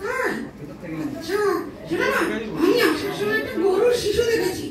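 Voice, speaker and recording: A very high, squeaky child puppet answers back with goofy, naughty cheek in a comic stage act. The voice sits far from the mic in a very echoey hall with an audience. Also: male voice, animated, normal speed, crowd noise. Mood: curious, goofy. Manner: goofy, mischievous, teasing back-talk. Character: cheeky naughty schoolchild puppet, slow at studies, argues back. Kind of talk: ventriloquist puppet comedy show. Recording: roomy echoing hall, distant mic, audience.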